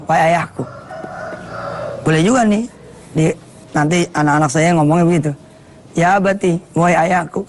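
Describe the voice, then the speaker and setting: An Indonesian man giving a televised sermon, chanting Arabic verses slowly and explaining them in relaxed everyday speech. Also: fairly high pitch, a little hiss or hum. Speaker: TV preacher.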